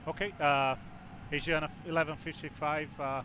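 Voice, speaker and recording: A man playing a flight simulator, making pilot radio calls in aviation phraseology, halting with frequent fillers between phrases. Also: fairly high pitch. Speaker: flight simulator pilot on online air traffic network. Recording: steady background noise.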